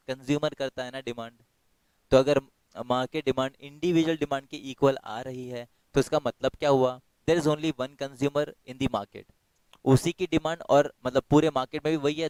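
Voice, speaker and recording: Hoarse teacher with a clear, dry voice. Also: male voice, mid-range voice, a little mellow, no room sound, low-quality recording. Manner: reads questions slowly, explains quickly in mixed Hindi and English. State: sore throat, clearing it often. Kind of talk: online multiple-choice class. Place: home.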